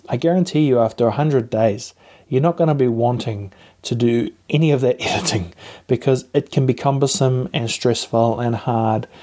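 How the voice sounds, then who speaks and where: A man gives casual advice as a podcast host, speaking into a lapel mic. His tone is dark and relaxed, and he coaches listeners informally with encouragement. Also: medium pitch. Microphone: lapel mic plugged into a phone.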